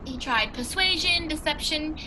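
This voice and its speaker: A woman's voice: high voice, expressive, normal speed, background noise. A woman playing a genial old English doctor who tells a mystery tale in an earnest, old-fashioned 1940s radio style. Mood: grave storytelling.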